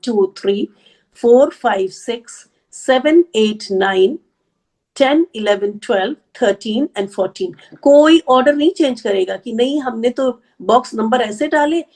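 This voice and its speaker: A woman's voice: fairly high pitch, a little mellow. Patient woman teaching grammar. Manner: patient, explains step by step, counts slowly aloud. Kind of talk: online class lecture.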